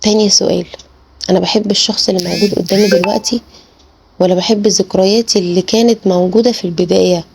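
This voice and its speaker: A woman's voice: medium pitch, fairly even intonation, fast, creaky, background noise. A woman life coach with an Egyptian Arabic accent gives relationship advice straight to the viewer. She talks earnestly and repeats words for emphasis. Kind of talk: direct-to-camera advice talk.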